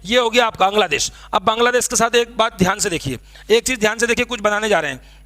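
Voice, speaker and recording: A male teacher, lecturing while he sketches a map. His voice sits very high and sounds bright and forceful. He has students chant lists back to him. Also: fast talker. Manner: drills students with call-and-response repetition; talks while drawing on a map. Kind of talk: classroom lecture.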